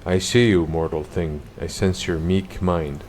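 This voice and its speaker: A cruel, boastful chaos sorcerer, read out by a man in a deep, low voice, pronouncing doom in loud, grandiose proclamations. A faint hum sits under him. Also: fairly even intonation, measured pace, low-quality recording. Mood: menacing. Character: cruel male chaos sorcerer, dark apostle, menacing and boastful.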